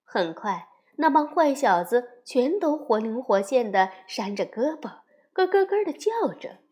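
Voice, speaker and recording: A woman reads a children's storybook aloud, slow and unhurried. Her fairly high voice rises and falls expressively. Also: sing-song, dark tone, slightly rough.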